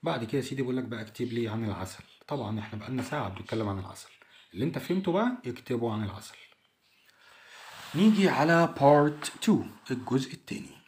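A man with an Egyptian Arabic accent, explaining an English textbook lesson in a chatty way, saying each English word slowly and translating it. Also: mid-range voice, expressive, darkish tone, slight background noise. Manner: chatty, addresses the listener directly. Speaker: English teacher.

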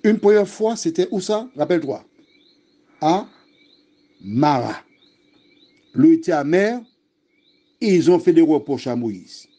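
A man delivers an evening devotional sermon, speaking directly to the listener and exhorting them. His delivery is slow and mellow. His pitch moves widely as he presses each point. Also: expressive. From French Antilles. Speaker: preacher.

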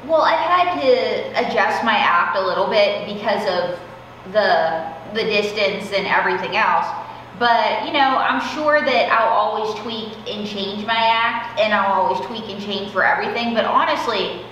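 A woman's voice: mid-range voice, normal speed, a bit bright, highs cut off. A young woman chatting casually and emphatically as a comedian being interviewed on stage. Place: indoor theater stage. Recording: echoey hall, distant, faint noise.

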